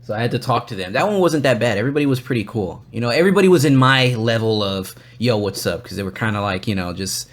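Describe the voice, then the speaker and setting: A man's voice: medium pitch, quick pace, hardly any pauses. A man hosting a podcast, telling a long story in loose, casual talk. He swears freely and keeps slipping into the voices of the people he describes. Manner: profane, animated, acts out quotes. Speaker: podcast host.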